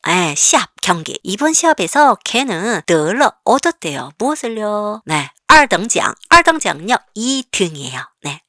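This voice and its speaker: A woman teaching a language lesson, asking questions and answering them herself, and reading example sentences slowly and clearly. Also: mid-range voice, pushed and bright, dry recording, studio quality.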